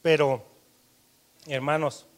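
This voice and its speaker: A man's voice: on the high side, flat delivery, slow. Man preaching, story-driven sermon. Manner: personal storytelling, varying loud and soft.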